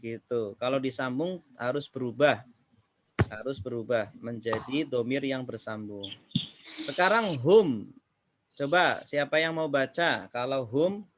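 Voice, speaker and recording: A man teaching an Arabic reading class, slow and patient, repeating each student's answer. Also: medium pitch, lively intonation, noisy background. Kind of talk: online class drilling students.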